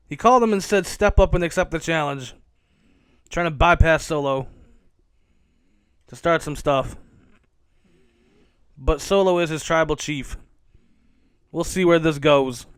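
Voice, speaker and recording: A podcast host rambles loosely on his casual solo show, cursing a lot and correcting himself mid-sentence. His voice is a bit high for a man, smooth and clear, and he talks a little slowly with frequent pauses. The recording is dry and close.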